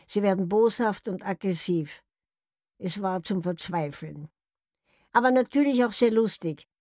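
A woman's voice: mid-range voice, a little mellow, no room sound, studio quality. Older woman telling wry anecdotes. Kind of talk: memoir storytelling.

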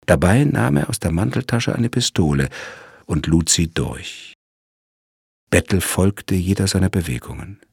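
A man narrating a crime story in a lively storytelling manner. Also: low voice, measured pace, gravelly, husky, dry recording, studio quality.

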